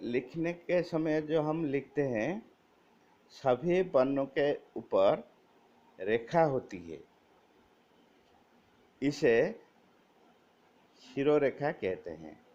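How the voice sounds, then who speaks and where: A man teaching Hindi vowel signs to schoolchildren, slowly spelling out each sign and reading word lists aloud one word at a time. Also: medium pitch, lively intonation, darkish tone. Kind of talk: Hindi grammar lesson for children. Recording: dull lo-fi recording.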